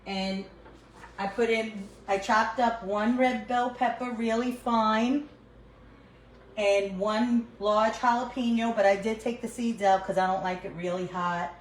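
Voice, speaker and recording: Slow-talking older New York woman. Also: on the high side, fairly even intonation, roomy sound, a little hiss or hum, low-quality recording. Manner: chatty, answers viewers as she cooks. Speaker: cooking livestream host. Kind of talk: casual live cooking chat. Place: home kitchen. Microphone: phone.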